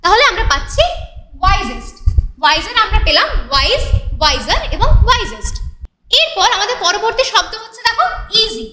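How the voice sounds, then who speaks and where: Bright high-voiced woman teaching grammar. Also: big pitch swings. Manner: patient, explains step by step, often asks the class questions; reads English example sentences slowly. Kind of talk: classroom grammar lesson, speaking to students. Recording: echoey room with faint noise.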